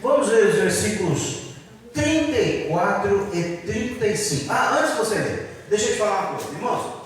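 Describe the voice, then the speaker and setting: Brazilian pastor preaching in an echoey hall. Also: male voice, high-pitched, animated, normal speed. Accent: Brazilian Portuguese. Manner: exhorting congregation, leading call and response. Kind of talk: sermon. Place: large church hall. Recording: echoey church hall, distant mic.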